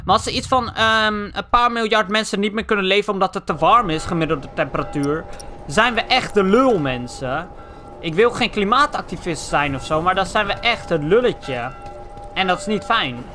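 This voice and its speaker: High-voiced young man gaming, music behind. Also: normal speed. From Netherlands. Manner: excitable, swears a lot, drops English slang. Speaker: gaming channel host. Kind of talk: let's play commentary.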